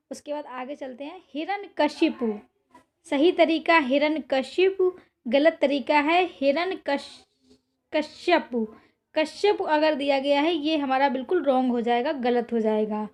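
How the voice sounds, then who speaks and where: High-voiced woman teaching spelling. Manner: repetitive, drawn-out spelling of words; reminds students again and again. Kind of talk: exam-prep spelling lesson.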